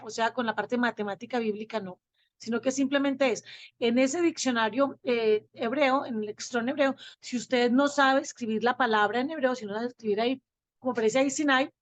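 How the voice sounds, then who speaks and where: A woman's voice: a little high, no room sound. A woman teaching a Bible lesson to her congregation, explaining words step by step and posing rhetorical questions. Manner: explanatory, asks rhetorical questions and answers them. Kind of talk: Bible teaching with on-screen slides.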